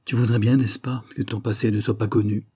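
A man's voice: fairly low pitch, little pitch movement, fairly quick, mellow, slightly rough, dry recording, studio quality. A man doing a smug, leering police chief. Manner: smug, mocking.

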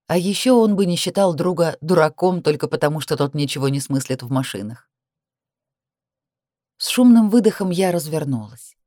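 A woman narrating a romance novel in the first person, in a steady, measured reading. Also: sits low, no room sound, clean studio sound. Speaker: audiobook reader.

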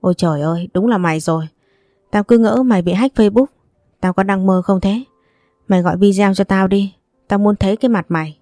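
A woman's voice: medium pitch, a little fast, warm tone, dry recording, clean studio sound, natural voice. A woman voicing a crude, emotional young female best friend who talks bluntly and teasingly. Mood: excited.

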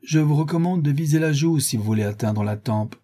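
Male narrator as an ironic, unhurried gentleman thief with a husky tone. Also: fairly high pitch, pitched above the performer's own voice, natural voice. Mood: mocking.

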